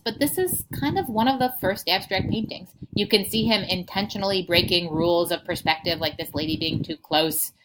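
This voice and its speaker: A woman's voice: fairly low pitch, fairly bright tone, slight background noise. A young adult woman teaching an art lesson in an informal, explanatory way, a little out of breath. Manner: explanatory, informal, says y'all. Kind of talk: recorded lecture review.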